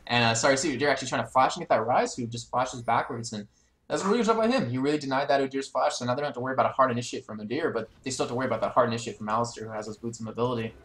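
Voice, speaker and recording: A man doing color commentary on a video game match, excitable and quick to jump in, often apologizing for interrupting. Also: medium pitch, echoey room. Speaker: esports co-caster.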